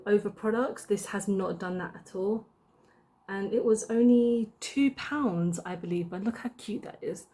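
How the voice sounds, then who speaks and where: A woman's voice: mid-range voice, darkish tone. Chatty woman doing makeup. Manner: chatty, thinks aloud while applying makeup. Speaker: beauty vlogger. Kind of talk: casual makeup tutorial chat.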